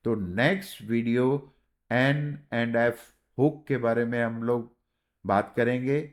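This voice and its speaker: A man's voice: mid-range voice, slow pace. A man teaching a shorthand lesson, patiently repeating words and checking in with his students as he writes. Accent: Indian. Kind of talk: explaining a lesson while writing.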